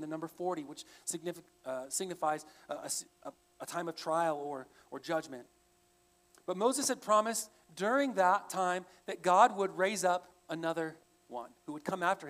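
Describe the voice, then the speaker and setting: A male pastor preaching a sermon in a conversational, explaining way. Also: sits high. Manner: conversational, with frequent restarts. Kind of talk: expository sermon.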